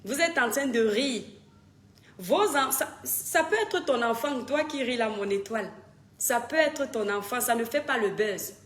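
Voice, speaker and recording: A woman hosting a casual live stream, greeting viewers, laughing often and scolding them in an animated way. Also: fairly high pitch, a little slow. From Cameroon. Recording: echoey room with faint background noise.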